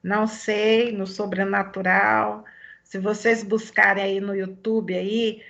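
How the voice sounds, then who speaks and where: Gravelly Brazilian woman teaching Bible study. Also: mid-range voice, level tone, slow, fairly bright tone. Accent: Brazilian Portuguese. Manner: chatty, fervent, peppers talk with "sabe?". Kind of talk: conversational Bible teaching with personal testimony. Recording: dull lo-fi recording.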